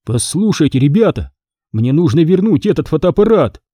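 A man's voice: fairly high pitch, sing-song, moderate pace, dark tone, husky, dry recording, voice pushed up. A man voicing an anxious boy of about twelve in an audiobook, speaking with urgent pleading in his voice. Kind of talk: audiobook character reading.

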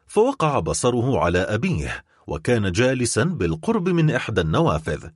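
A man narrating a classic novel as an audiobook, telling the story in a dramatic, expressive way. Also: lowish voice, slightly rough, no room sound, clean studio sound.

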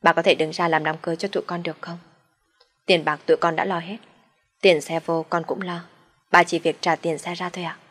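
A woman voicing a young man, protective of his partner and quick to anger. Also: lowish voice, flat delivery, fairly bright tone, slightly rough. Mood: pleading. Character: protective young husband, hot-tempered.

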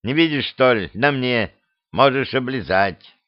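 Whiny, wailing thief of a cat, read by a man, raised pitch, dull lo-fi sound. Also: lively intonation, unhurried, dry recording, lightly acted. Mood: sneering. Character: whiny honey-smeared male cat thief. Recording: dull dry lo-fi recording.

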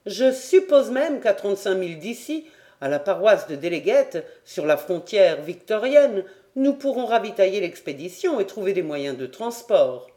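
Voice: medium pitch, sing-song, moderate pace, warm tone, lightly acted. An audiobook reader voicing a learned male geographer who explains things with easy confidence. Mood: confident. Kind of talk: audiobook character voice.

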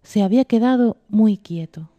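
A woman narrating a storybook tale aloud in a gentle, measured reading voice. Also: mid-range voice, lo-fi sound. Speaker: story reader.

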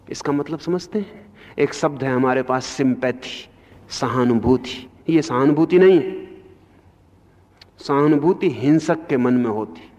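A man giving a spiritual discourse, speaking slowly and with emphasis, his voice rising sharply on key points, in a lo-fi archival recording. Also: on the high side, a little mellow. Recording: lo-fi archival recording in a long-reverb hall.

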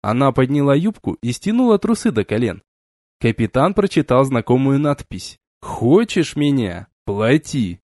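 A man narrating an audiobook chapter in an even, unhurried reading voice. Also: medium pitch, no echo, clean studio sound. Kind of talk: scripted narration.

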